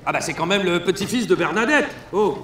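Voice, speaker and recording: A male stand-up comedian on a concert hall stage, telling crude, mocking stories in an animated way. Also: high voice, brisk, crowd noise. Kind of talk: satirical stand-up press review. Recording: roomy live hall sound.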